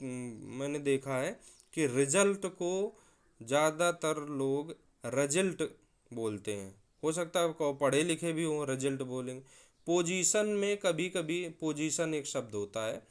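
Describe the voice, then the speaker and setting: A man's voice: fairly high pitch, clear, resonant tone. A man teaching a recorded video lesson, explaining with spoken examples and stressing words to show their meaning.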